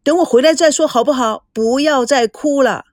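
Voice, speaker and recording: A woman's voice: high voice, moderate pace, no room sound, studio quality, natural voice. A woman voicing a distraught young woman. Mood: pleading. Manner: urgent, pleading then shouting.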